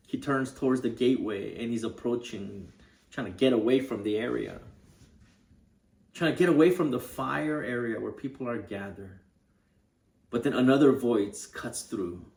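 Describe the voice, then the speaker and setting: A male pastor retelling a scripture story as dramatic sermon storytelling, vivid and dropping to hushed tones. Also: mid-range voice. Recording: roomy echo.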